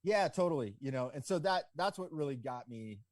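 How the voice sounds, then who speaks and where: A man of around forty, a guest on a podcast interview, telling his story in a relaxed, rambling way full of "like" and "you know". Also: mid-range voice, a little fast, no echo, clean studio sound. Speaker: podcast guest, ski business owner.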